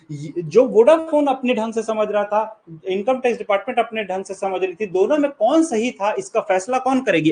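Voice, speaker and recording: A young Indian man giving a law lecture in Hindi mixed with English terms. He asks questions and answers them himself, and he slows down to read definitions aloud. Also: high-pitched, slightly rough. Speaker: law teacher. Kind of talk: classroom lecture.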